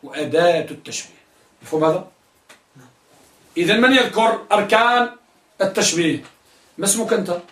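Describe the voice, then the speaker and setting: High-voiced teacher in an echoey classroom. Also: male voice, expressive, fairly quick, pauses often, a bit bright. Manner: questions students and drills answers. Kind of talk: classroom lesson. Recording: echoey room, mic at a distance.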